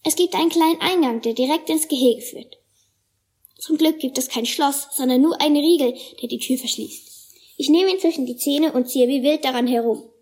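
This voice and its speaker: A woman with a high, light voice reads a storybook aloud. She shifts into lively voices for the animal characters as she goes. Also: moderate pace. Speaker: narrator.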